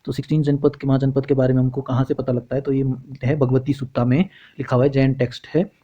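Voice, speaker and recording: Halting man teaching, dark flat voice. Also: mid-range voice, muffled recording. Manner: halting, stumbles over words and restarts; mixes Hindi and English. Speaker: exam coaching teacher. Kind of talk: lecture reading out notes.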